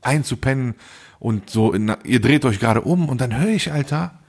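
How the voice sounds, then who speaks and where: A man's voice: mid-range voice, expressive, normal speed, creaky, slightly rough. A man co-hosting a podcast, telling a story in a casual, slangy way and acting out both sides of the dialogue. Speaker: podcast co-host.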